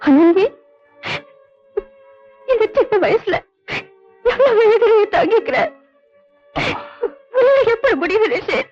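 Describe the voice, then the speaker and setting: A woman's voice: very high voice, animated, slow pace, pauses often, heavily acted. An actress playing a sorrowful older mother who speaks tenderly and earnestly to her son. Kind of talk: 1990s film drama acting. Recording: dull lo-fi film audio with faint music.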